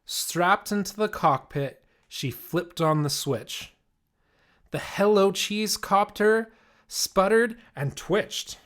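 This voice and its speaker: A man reading a rhyming children's picture book aloud in an expressive, measured way. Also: high voice. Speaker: story reader.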